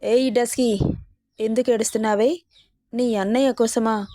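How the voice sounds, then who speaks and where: A woman's voice: a little high, steady tone, moderate pace, mellow, no echo, studio quality, close to an everyday voice. A woman voicing a possessive, domineering young man teasing the heroine in a romance story.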